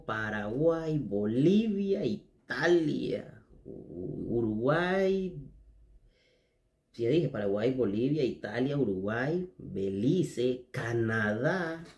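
A man's voice: mid-range voice, warm tone. A man chatting casually in a vlog, reading lists aloud and musing to himself as he goes. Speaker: vlogger.

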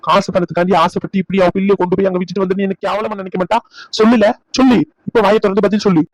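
A man's voice: high voice, flat delivery, very fast, no room sound, low-quality recording. A man voicing a stern scolding old father. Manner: shouting, scolding. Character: stern angry old father, head of the house. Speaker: voice actor. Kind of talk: cartoon dub acting.

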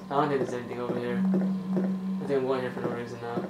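A man's voice: medium pitch, flat delivery, fast, dull audio, very noisy. A man giving loose, casual commentary while playing a horror video game, swearing at it now and then and talking to his viewers. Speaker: let's play host. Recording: roomy echo with loud game music. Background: loud game soundtrack.

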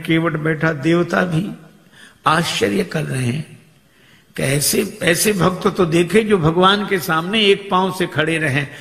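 A male preacher tells a humorous religious story, switching into voices for each character. His fairly high voice has a gravelly edge. The sound rings with a long reverb, as if from a big hall. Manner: animated, acting out characters' voices with humour. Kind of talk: storytelling sermon.

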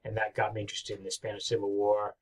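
A middle-aged history professor delivers a recorded lecture from his home office in a husky, lowish, monotone voice at a quick pace. He rambles enthusiastically and uses many fillers.

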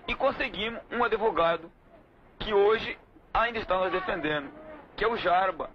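High-pitched man giving measured testimony. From Trindade, Brazil. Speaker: community spokesman. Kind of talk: interview testimony. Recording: muffled 1979 film audio, faint hiss.

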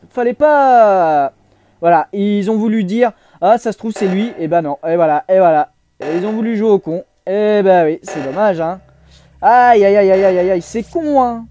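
A young man giving casual let's-play commentary, chatty, restarting his sentences, with excitable bursts. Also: sits high, a little hiss or hum. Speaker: gaming YouTuber.

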